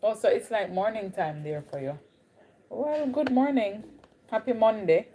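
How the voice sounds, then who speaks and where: In a low-quality recording, a young Jamaican-accented woman talks with viewers on her live stream in a chatty, casual way, saying hello to them and wandering between Caribbean accents. Her mid-range voice is warm, and her pace is a little slow.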